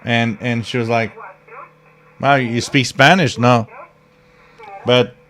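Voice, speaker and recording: His mid-range voice is a bit bright, with fairly even intonation and a slow pace. The man co-hosts a live radio stream, rambling casually through stories full of fillers and restarts and laughing at himself.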